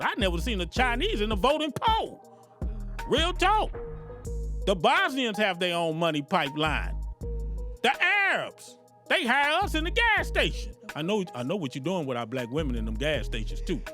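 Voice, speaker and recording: A man hosting an interview podcast, talking in an emphatic, animated street-talk manner. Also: sits high. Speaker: podcast host.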